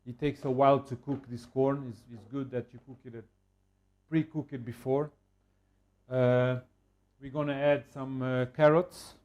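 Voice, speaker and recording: Man, mid-pitched, casual home-cook demo, halting with fillers. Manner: relaxed, halting, with many fillers. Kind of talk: casual cooking demonstration.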